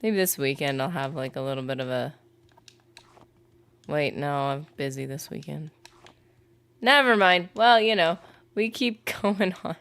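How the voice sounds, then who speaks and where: A woman's voice: extremely low pitch, moderate pace. A woman streaming a game, chatting casually and rambling as she reads viewer comments aloud. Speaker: gaming livestreamer. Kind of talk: casual livestream chat while gaming.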